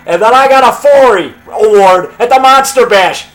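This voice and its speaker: A man's voice: high voice, moderate pace, fairly bright tone, low-quality recording. A middle-aged man in a combative, off-the-cuff phone argument, defiant and boastful, punctuating his points with "brother" and "pal.". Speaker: low-budget monster movie maker.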